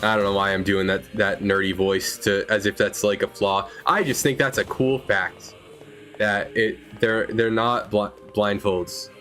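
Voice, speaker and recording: A man's voice: fairly low pitch, steady tone, measured pace, fairly bright tone. A young man chatting casually while streaming a game, rambling and correcting himself as he talks. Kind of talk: casual gaming stream chat. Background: faint game music.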